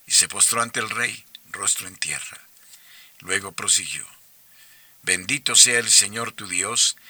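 A man reading Scripture aloud for the Liturgy of the Hours in a measured, solemn way. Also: lowish voice, sharp tone, no room sound. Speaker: liturgical reader.

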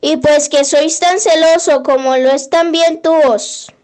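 Leading the prayer, a woman recites each verse deliberately and unhurriedly in a high, light tone. Her manner is devotional and measured, keeping the even rhythm of a litany spoken aloud.

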